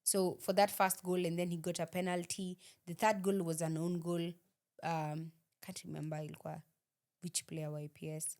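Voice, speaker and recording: A woman's voice: on the low side, little pitch movement, normal speed, darkish tone. A woman with a Kenyan accent co-hosting a football podcast in casual sports chat, switching between English and Swahili.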